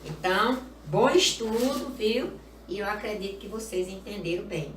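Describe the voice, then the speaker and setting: A woman's voice: mid-range voice, moderate pace, recorded from a distance, slight background noise. Woman teacher in an echoey room. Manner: patient, repeats points with diminutives and check-in questions. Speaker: primary school teacher. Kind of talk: recorded remote class for young children.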